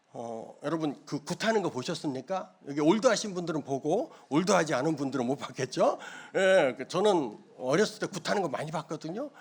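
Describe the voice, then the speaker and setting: A man's voice: high-pitched, slightly rough. A middle-aged man from South Korea preaching a sermon as pastor, telling a story with emotion and acting out the people in it.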